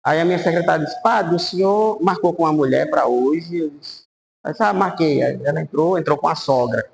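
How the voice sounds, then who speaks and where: Man, priest, lively storytelling, highish voice. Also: moderate pace, creaky, poor audio. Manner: animated anecdotes, voice rising and falling. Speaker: priest teaching a Bible course.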